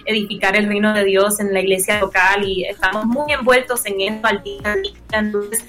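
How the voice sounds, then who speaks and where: Over background music, this medium-pitched woman talks fairly quickly. She's a young singer-songwriter from Puerto Rico who speaks English natively with a Puerto Rican accent, chatting earnestly and expressively during a casual radio interview.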